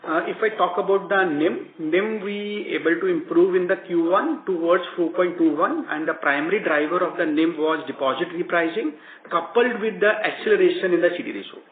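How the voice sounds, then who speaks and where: A man, a bank executive explaining results to analysts on a conference call, halting and rephrasing as he goes. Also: high voice. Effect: heard over a conference call line. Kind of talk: answering analyst questions on an earnings conference call. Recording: tinny echoey conference call line.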